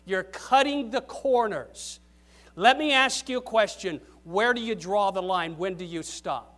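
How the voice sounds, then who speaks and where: An older man, a grandfather, preaching a sermon to young people, punching key questions and then dropping his voice low at the ends of points. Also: a little slow, a bit bright.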